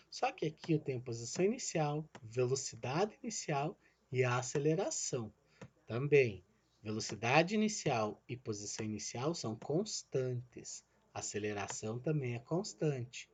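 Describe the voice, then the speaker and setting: A man's voice: mid-range voice, animated, normal speed, slightly rough. A male physics teacher gives a recorded online lesson. He explains each step and checks in with "né?" and "certo?", and he calls himself the teacher in the third person.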